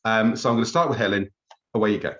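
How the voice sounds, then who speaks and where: A man's voice: fairly low pitch, rapid-fire, fairly bright tone. A man in his fifties leading an online webinar as trainer, chatty and self-deprecating with jokey grumbles, over a video call. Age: 50s. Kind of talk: casual online workshop talk. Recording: slightly dull lo-fi call audio.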